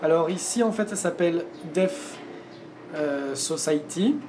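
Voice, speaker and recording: A man giving a voice-over interpretation of a signed conversation, hesitant and pausing often. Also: fairly high pitch, over music. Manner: hesitant, many pauses.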